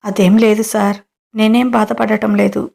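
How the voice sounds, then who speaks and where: Figure: a woman reading as a shy, torn young housemaid. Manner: faint, weak-voiced. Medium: audio story. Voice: dark and flat. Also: mid-range voice, normal speed, gravelly. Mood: reassuring.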